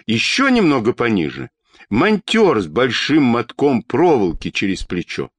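Expressive male storyteller, dry close sound. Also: medium pitch, moderate pace, no room sound. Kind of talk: storybook reading.

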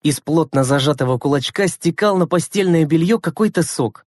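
A woman narrating a children's story in an expressive, measured way. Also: low voice, dry recording, studio quality. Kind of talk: storybook reading.

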